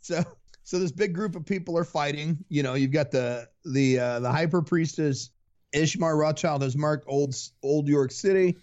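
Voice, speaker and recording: A man's voice: on the high side, normal speed, darkish tone, lo-fi sound. A man co-hosting a podcast, casually retelling a comic in a rambling way, full of fillers. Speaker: podcast co-host. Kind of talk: casual chat recapping a comic.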